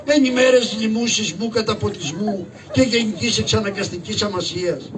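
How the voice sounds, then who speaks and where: A man's voice: sits high, a crowd in the background, natural voice. A man voicing Karagiozis, a scrappy poor hunchback trickster in a live shadow puppet show, brash and full of mocking curses. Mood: mocking cursing. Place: live show before an audience. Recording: distant live stage recording with audience noise.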